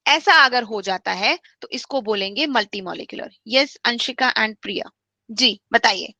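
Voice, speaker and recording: Woman chemistry teacher, high bright voice, patient step-by-step explainer, dry close mic. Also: moderate pace, no echo. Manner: explains step by step, repeats key points; mixes English terms into speech. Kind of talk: online class lecture.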